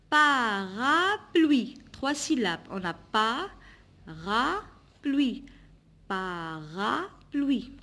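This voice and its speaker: A woman, a primary school teacher who gives a slow, patient reading lesson to young children and sounds out each syllable. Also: medium pitch.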